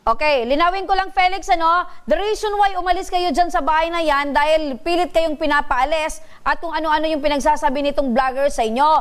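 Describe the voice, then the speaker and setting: A woman's voice: high voice, a little fast, few pauses. A woman hosting a public-service show, questioning a caller and restating his answers to clarify them. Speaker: radio public-service host. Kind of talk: interviewing a caller.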